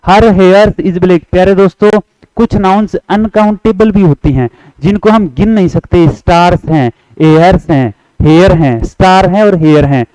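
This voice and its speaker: In a rough, dry recording, a high-pitched man with a dark tone teaches English grammar for exam prep. He has a Haryanvi Hindi accent, repeats his points, coaxes students into answering along and reads example sentences slowly.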